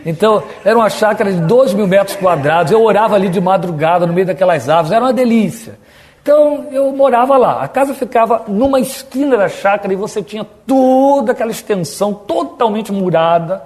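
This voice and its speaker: A man's voice: high-pitched, lively intonation, fairly quick, darkish tone. A Brazilian man preaching a Bible study in a conversational way, sometimes mimicking stiff, pompous prayer voices. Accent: Brazilian Portuguese. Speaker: pastor.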